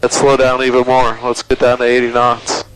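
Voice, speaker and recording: A man coaching as a flight instructor over a cockpit intercom, giving calm, reassuring instructions through an aviation headset. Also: medium pitch, moderate pace, clean tone, no room sound, rough recording. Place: small aircraft cockpit in flight. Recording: intercom radio audio with aircraft cabin noise.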